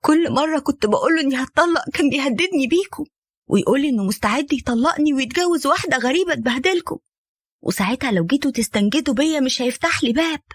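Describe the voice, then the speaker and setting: A woman's voice: sits high, animated, fast, no room sound. A woman voicing a heartbroken young woman with an Egyptian accent who speaks with pleading and reproach. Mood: reproachful. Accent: Egyptian Arabic.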